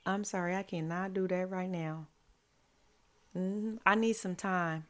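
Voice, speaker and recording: A life coach with a slightly hoarse, raspy voice offers slow, encouraging, faith-based advice in a low-leaning, steady tone. She repeats her key lines and slips in affirming "mm-hmm" asides.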